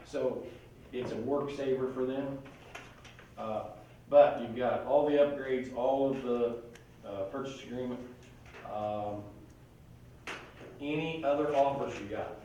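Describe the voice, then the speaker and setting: This man's medium-pitched, dark voice moves slowly with frequent pauses as he runs an informal real estate class, telling anecdotes in a folksy, conversational way. He's in a training room, picked up by a far-off mic in an echoey space with slight hiss or hum.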